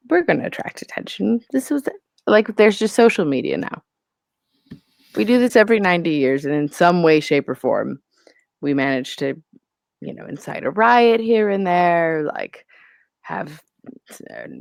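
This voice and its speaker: A grandiose yet pissy deity of balance, acted out by a player in a tabletop game. The mid-pitched voice is creaky and wry, casually shrugging at mayhem in a very dry recording. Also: dry recording.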